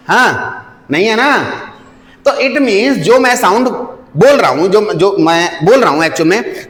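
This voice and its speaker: Lively male teacher in an echoey classroom. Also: high voice. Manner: lively, asks the class questions often. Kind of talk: classroom science lesson. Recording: echoey room, long reverb.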